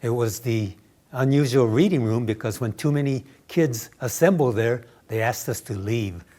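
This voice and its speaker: A man's voice: medium pitch, normal speed, dark tone. A man in his nineties from Los Angeles, telling childhood memories in a wry, storytelling way. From Los Angeles, USA. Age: 90s. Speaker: interviewee. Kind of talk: reminiscing interview.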